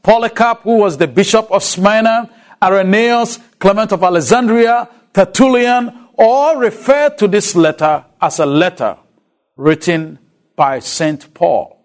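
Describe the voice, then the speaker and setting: Speaking a little slowly in a high-pitched voice, a man from Ghana teaches about a letter in the Bible and puts rhetorical questions to his listeners. English isn't his first language, and he has a Ghanaian accent.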